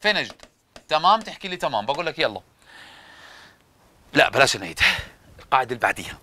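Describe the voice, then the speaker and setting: A man's voice: medium pitch, very animated, quick pace, pushed and bright, dry recording. A man with a Jordanian Arabic accent explaining English grammar rules, asking and then answering his own questions and repeating each step. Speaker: English teacher.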